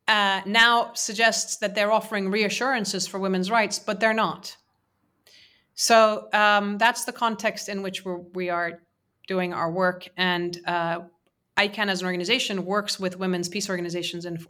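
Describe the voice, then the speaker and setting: A women's peace advocate whose first language is Persian answers interview questions earnestly, with lots of fillers and restarts. Her mid-range voice is bright and forceful.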